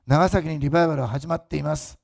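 A male pastor, preaching a fervent sermon that swells loud for emphasis and drops to soft asides for the congregation. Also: a little high, quick pace, vocal fry.

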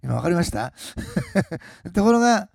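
A pastor preaching a sermon, swinging between loud, slowed emphasis and quiet, low asides to the congregation. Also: male voice, very animated, creaky, no room sound, clean studio sound.

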